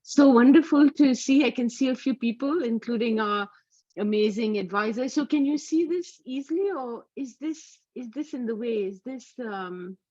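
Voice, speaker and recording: Speaking through a computer mic on a video call, a middle-aged academic lecturer from Pakistan delivers a talk in a fairly high, slightly mellow voice at a moderate pace. The audio is dull and dry, and she hesitates often, filling gaps and restarting sentences.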